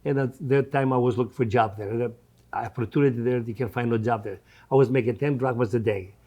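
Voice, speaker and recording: On a lo-fi recording, a Greek man in his seventies talks fast at a medium pitch with fairly even intonation. A native Greek speaker interviewed as a restaurant owner, he's conversational, with a Greek accent, non-native grammar, and frequent repetition of phrases.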